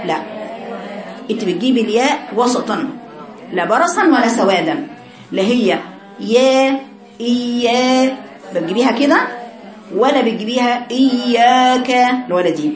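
A woman with an Egyptian accent teaching a tajweed lesson to female students, demonstrating sounds by repeating drawn-out syllables. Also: fairly high pitch. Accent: Egyptian Arabic. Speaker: Quran recitation teacher. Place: classroom with women students. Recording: echoey room with crowd noise.

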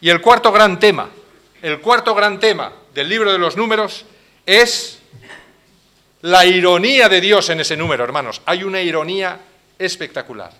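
A male pastor with a Spain Spanish accent preaches a dramatic sermon, swinging between hushed lines and loud outbursts. His voice sits high, and he keeps a moderate pace.

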